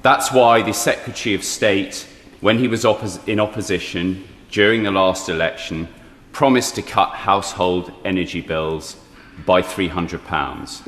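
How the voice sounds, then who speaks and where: A man giving a measured, pointedly critical parliament speech as an opposition member. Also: low-pitched, fairly even intonation, a bit bright. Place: large indoor parliamentary chamber. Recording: echoey chamber with clear background noise.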